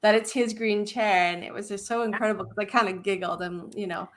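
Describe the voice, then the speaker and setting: A soft-spoken woman co-host who listens and affirms, with faint noise in the background. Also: mid-range voice, fairly even intonation, a little fast. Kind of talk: casual conversation.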